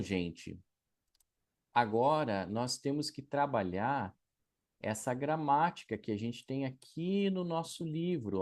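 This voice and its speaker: A man's voice: medium pitch, darkish tone. A man teaching English to beginners in an online class, patiently spelling out example sentences. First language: Portuguese.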